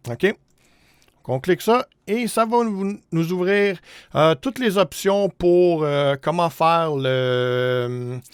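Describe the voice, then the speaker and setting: High-ish and smooth, this Quebec-accented host from Canada, in his thirties, walks viewers through music promotion on a shared screen. He's informal and hesitant, mixing English words into his speech, and the sound is clean studio quality with no room sound.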